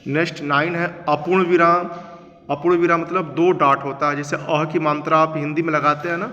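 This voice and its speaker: Bright-voiced male teacher in an echoey room. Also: on the high side, level tone. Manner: reads quoted passages slowly, then explains in plain words; mixes English terms into his talk. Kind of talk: classroom lesson, reading and explaining a textbook. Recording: reverberant room, slightly dull sound with faint noise.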